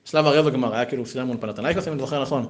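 A man in his thirties teaching a Torah lesson in a conversational, animated way, mixing text study with personal stories. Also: mid-range voice. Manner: animated, conversational, lively asides. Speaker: yeshiva teacher.

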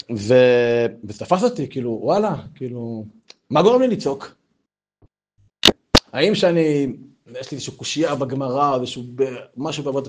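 A man, giving an informal Torah talk full of personal stories and rising to loud, animated bursts. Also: fairly high pitch. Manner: animated storytelling, voice swells when excited. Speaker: religious lecturer.

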